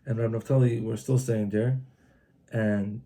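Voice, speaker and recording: A man retelling a religious book aloud, translating as he goes in a halting, informal way with many restarts. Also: on the low side, steady tone, mellow. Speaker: reader retelling a religious text. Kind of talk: loose spoken retelling of a book. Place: Old City of Tzfat, Israel.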